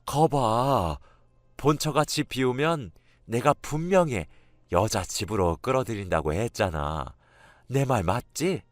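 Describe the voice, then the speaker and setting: A man's voice: mid-range voice, expressive, measured pace, dry recording, pitched above the performer's own voice, lightly acted. A man voicing a scheming, shameless middle-aged woman in a spoken story, talking in a raised, mocking, indignant way. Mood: gloating.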